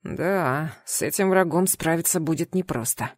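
A woman reading an audiobook, voicing a protective, tender young male knight in a soft, earnest, half-whispered way. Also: deep voice, normal speed, no echo, studio quality, voice pushed down. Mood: calm, serious. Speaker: audiobook reader. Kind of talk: audiobook character voice.

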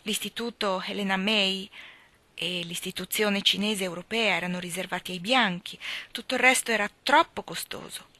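A woman reading a novel aloud in a soft, at times whispered narration. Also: medium pitch, moderate pace, no echo. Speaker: reader.

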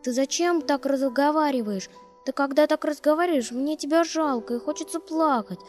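A woman's voice: high-pitched, normal speed, darkish tone, faint music behind, voice pushed up, close to an everyday voice. A woman doing a small sullen boy. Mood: earnest. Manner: sullen, blunt. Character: small serious boy, blunt and withdrawn.

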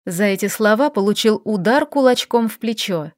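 A woman's voice: mid-range voice, lively intonation, moderate pace, no echo. Dry-voiced woman narrating an audiobook. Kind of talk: scripted narration.

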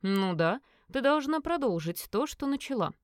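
A woman voicing a smug, teasing young man in an audiobook, in her own mid-pitched voice. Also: very animated, normal speed, no room sound, studio quality.

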